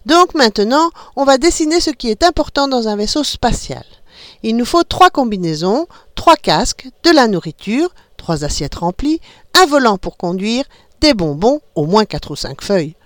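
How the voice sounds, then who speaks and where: A woman voicing a cheerful young mother who leads her children in a pretend game, in a bright, sing-song manner. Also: on the high side, very animated, moderate pace, no room sound, studio quality. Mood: playful. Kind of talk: storybook reading.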